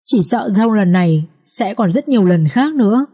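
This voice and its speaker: A scheming young maidservant pleads and whines, her voice lifted high and tearful, as a woman reading the story puts her on. Beneath the mellow tone she sounds needy and sly. She plays the victim in front of the matriarch. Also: unhurried. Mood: whining.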